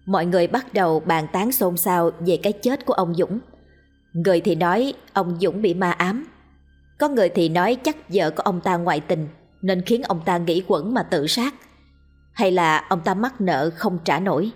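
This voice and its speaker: Low-voiced woman narrating a ghost story. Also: expressive, moderate pace, darkish tone, husky. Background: faint music.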